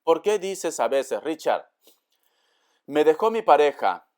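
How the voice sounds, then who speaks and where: Male tarot reader, fairly high voice, intimate and reassuring, spiritual pep-talk delivery. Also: very animated, slow. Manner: warm, coaxing, calls the listener "cariño"; acts out the listener's doubts in quotes. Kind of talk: tarot reading to camera.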